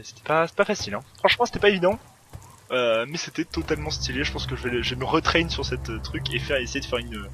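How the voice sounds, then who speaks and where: A man's voice: medium pitch, pushed and bright, slight background noise. A man hosting a gaming video, giving casual gameplay commentary in a rambling way full of fillers and self-corrections.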